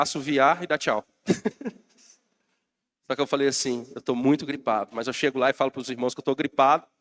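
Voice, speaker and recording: This Brazilian pastor's voice sits in the mid-range with a slightly bright tone. Suffering from a bad cold, he preaches in a Brazilian Portuguese accent, firing up and addressing his congregation.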